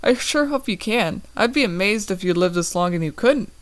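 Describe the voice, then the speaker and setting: A woman's voice: mid-range voice, animated, moderate pace, close to an everyday voice. A woman voicing a friendly, joking teenage boy with magic powers in a read-aloud story. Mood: cheerful.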